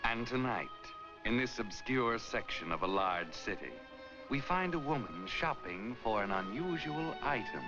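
An actor playing a sinister, all-knowing shadowy narrator in a 1940s mystery film, speaking slowly, ominously and theatrically. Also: male voice, mid-range voice, expressive, close to an everyday voice. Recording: dull 1940s film soundtrack, loud music.

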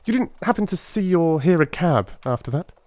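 A male narrator acts out a brilliant detective from a dramatic audiobook. He is brisk, commanding and precise, leaping high and low with excitable impatience. The sound is dry and close. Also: no room sound. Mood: impatient, probing.

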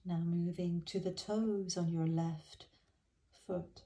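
In this guided body scan meditation, a woman's slightly low, mellow voice soothes the listener. Her delivery is gentle and very slow, never hurried, with each phrase falling away softly at the end.

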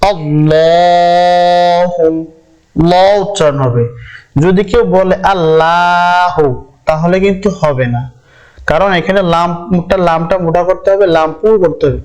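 A man giving a step-by-step Quran reading lesson, patient and repeating each rule slowly. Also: a little high, a little mellow, rough recording.

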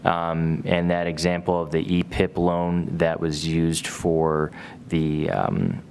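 A young man speaking hesitantly at a public town committee meeting, with many pauses and fillers, recorded on a desk microphone in a town hall auditorium. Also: very deep voice, creaky, a little mellow, smooth.

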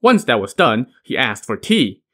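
A man's voice: mid-range voice, sing-song, moderate pace, fairly bright tone. A man narrating a classic tale as a podcast host, in a wry tone with dry asides. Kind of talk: storytelling narration.

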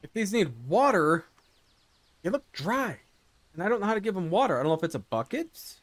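A man's voice: high voice, sing-song, a little fast, dry recording. A man casually thinking aloud as he plays a survival game, unsure and often muttering to himself. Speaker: gameplay streamer. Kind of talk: casual let's-play commentary.

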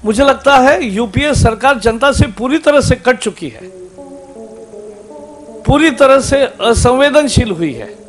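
Male politician, high-ish voice, very slow deliberate delivery, desk mic, presser. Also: animated, faint music behind. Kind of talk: press conference statement. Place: indoor press conference. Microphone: desk microphone.

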